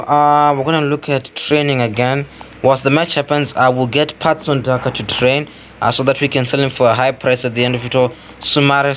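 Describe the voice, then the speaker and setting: In a noticeably noisy home recording, a man hosts a gaming video, thinking aloud as he plays, repeating phrases and talking to his viewers casually. His voice is medium-pitched and a bit bright.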